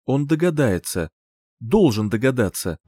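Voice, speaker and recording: A man reading an audiobook in first person, expressive and lively, close to the mic. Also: mid-range voice, measured pace. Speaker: audiobook reader. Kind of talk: scripted narration.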